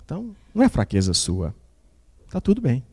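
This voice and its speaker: A man's voice: mid-range voice, wildly swooping pitch, brisk, mellow, slightly rough, heavily acted. A man voicing a kind reassuring son.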